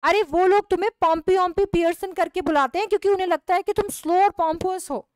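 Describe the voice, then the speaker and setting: Brief: sharp-tongued middle-aged mother from a play, high and indignant, read out by a woman teacher. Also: fairly even intonation, fast, dry recording, studio quality. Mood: scolding. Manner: scolding, raised and indignant.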